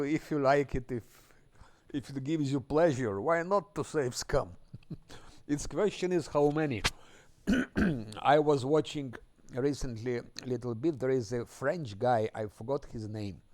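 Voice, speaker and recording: Slow-talking male streamer chatting casually. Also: medium pitch, darkish tone. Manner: unhurried, thinking aloud, chuckles often. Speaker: game streamer. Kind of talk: casual live-stream chat while playing.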